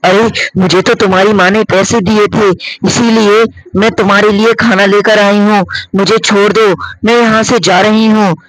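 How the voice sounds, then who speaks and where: A man's voice: high voice, little pitch movement, moderate pace, hardly any pauses, fairly bright tone, pitched above the performer's own voice, poor audio. A man voicing a frightened young woman in a cartoon horror story, anxious and full of exclamations.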